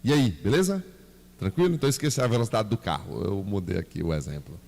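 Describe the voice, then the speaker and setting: Fast, creaky, and fairly low in pitch, this man's voice carries a Bahian Portuguese accent as he teaches a Bible class. The church teacher is lively, asks the class questions, and plays out small scenes with his son, recorded in an echoing church hall.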